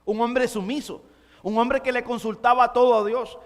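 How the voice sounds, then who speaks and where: Man pastor, high voice, emphatic repetitive sermon delivery, long church reverb. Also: steady tone, normal speed. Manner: emphatic, repetitive preaching addressing the congregation. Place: church sanctuary.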